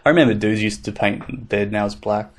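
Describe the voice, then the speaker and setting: A man's voice: lowish voice, normal speed, slight background noise. A man co-hosting a podcast, chatting casually in a laid-back, rambling way with plenty of fillers and swearing. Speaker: podcast co-host. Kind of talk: casual chat.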